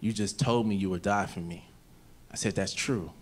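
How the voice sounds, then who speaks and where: A stand-up comedian with an American accent tells stories on an indoor comedy club stage, speaking into a handheld mic. His voice is on the low side and his pace moderate. The clip is a noisy live club recording played back.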